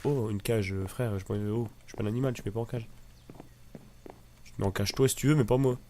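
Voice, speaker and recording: A man's voice: on the low side, a little fast, warm tone, a little hiss or hum. A man with a northern French accent giving rambling, casual commentary while playing a game, often swearing lightly. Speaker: gamer. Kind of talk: casual let's-play commentary.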